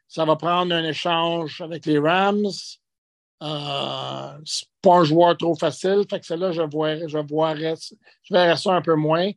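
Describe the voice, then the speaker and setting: A man with a Quebec French accent giving unscripted football commentary as an analyst, in a halting, conversational way with many restarts. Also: on the high side, no room sound. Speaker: sports analyst and guest.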